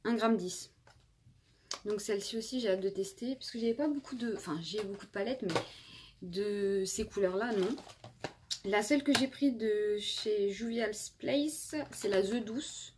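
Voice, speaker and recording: Woman, 20s, husky, mid pitch, casual haul vlog, lots of fillers, phone recording. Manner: chatty, many fillers and restarts. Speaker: beauty vlogger. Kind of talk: casual makeup haul review. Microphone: phone camera.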